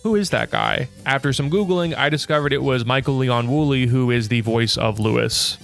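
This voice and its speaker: A man's voice: medium pitch, fairly bright tone. A young man narrating a scripted video essay, blunt and opinionated, with a sarcastic edge. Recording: faint music under the voice.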